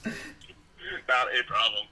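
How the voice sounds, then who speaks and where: A man's voice: medium pitch, lively intonation, very slow, crowd noise. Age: unknown. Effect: heard over a speakerphone call, thin phone-line sound. Role: show producer. Style: casual phone chat. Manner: laid-back, amused. Sex: man.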